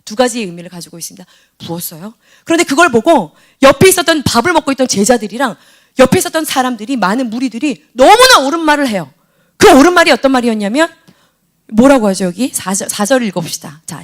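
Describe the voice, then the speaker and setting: Woman, youth preacher, high voice, very animated, quizzes students, church service. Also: fast. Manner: animated, acts out scenes and questions students by name. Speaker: youth pastor. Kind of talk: youth sermon with audience questions.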